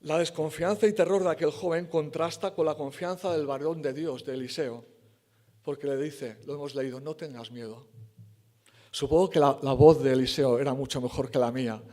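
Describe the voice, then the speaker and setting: A man's voice: a little high, fairly even intonation, brisk, mellow. A man preaching a sermon in church, emphatic and conversational, correcting himself and acting out the quoted lines.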